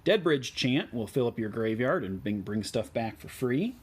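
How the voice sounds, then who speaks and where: Hosting a deck tech, a man with a Midwestern American accent explains his card choices in a relaxed way, full of ums and uhs. His voice is mid-range and husky, and he talks at a normal speed.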